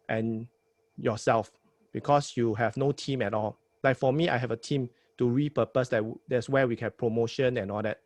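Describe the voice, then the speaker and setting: A Singaporean man with a Singaporean English accent, his voice mid-range and a little mellow, recorded without echo. As a podcast host advising a newcomer, he gives casual tips emphatically, repeating words and driving points home with repeated "right?" tags.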